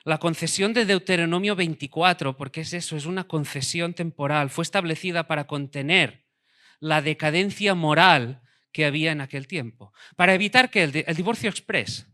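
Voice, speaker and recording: Emphatic preacher, bright voice. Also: male voice, fairly high pitch, normal speed. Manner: emphatic preaching, dropping to quiet for weight. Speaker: pastor. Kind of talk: sermon.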